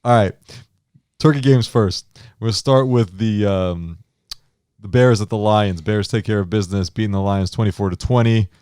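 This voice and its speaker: A man's voice: lowish voice, moderate pace, a little mellow, smooth, dry recording, studio quality. A man co-hosting a casual sports podcast, joking and laughing as he recaps scores. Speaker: podcast co-host.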